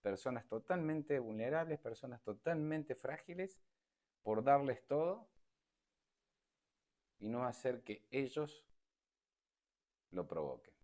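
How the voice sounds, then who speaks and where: A man's voice: medium pitch, sing-song, slow pace, long pauses, darkish tone. A man giving an informal lecture to an online audience over a video call, talking in a repetitive, emphatic, conversational way. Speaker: speaker giving a talk.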